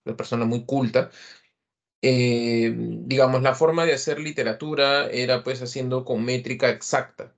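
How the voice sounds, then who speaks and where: A man with a Peruvian Spanish accent gives an online literature lesson in a mid-pitched voice. He talks through each point patiently and keeps checking in with short tag questions. His speech is full of hesitation fillers. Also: fairly even intonation, moderate pace. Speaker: literature teacher. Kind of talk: online class lecture.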